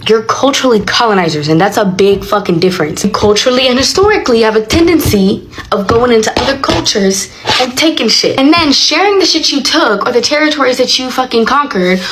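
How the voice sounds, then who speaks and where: Brief: American woman, rapid exasperated rant, slight background noise. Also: fairly high pitch, expressive, a bit bright, low-quality recording. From United States. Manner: blunt, profane and exasperated. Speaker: commentator. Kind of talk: ranting social media video.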